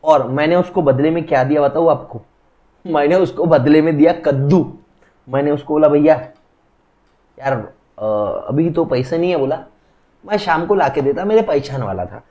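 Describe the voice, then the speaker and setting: Young male law lecturer, high-pitched, casual and jokey, teaches through everyday anecdotes. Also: moderate pace, dark tone, highs cut off. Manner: chatty, jokey storytelling to explain law.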